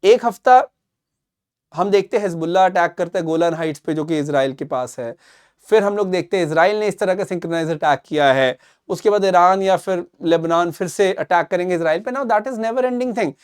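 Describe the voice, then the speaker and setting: A man with an Indian accent delivers explanatory news analysis to camera, covering current affairs in an emphatic, repetitive style and switching between two languages. His voice is high-pitched, smooth, and a little fast.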